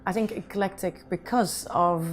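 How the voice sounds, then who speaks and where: A woman's voice: lowish voice, a little slow. Chatty enthusiastic woman. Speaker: managing director. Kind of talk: interview clip in a promo film.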